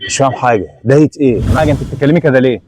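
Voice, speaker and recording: A man's voice: medium pitch, racing, darkish tone, slight background noise, natural voice. An actor playing a greedy son who schemes against his mother, with an Egyptian accent and a falsely sweet, sly manner. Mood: defensive.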